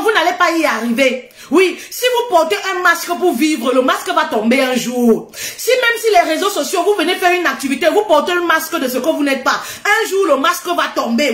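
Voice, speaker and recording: A woman giving a casual motivational talk, loud and laughing often, repeating phrases for emphasis. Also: high-pitched, reverberant.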